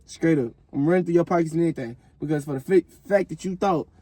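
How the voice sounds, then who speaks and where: An American man with a fairly high voice talks casually and emphatically as he reacts to a video. His speech is blunt, full of street slang and swearing. The sound is very dry, with no room echo. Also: quick pace, dark tone.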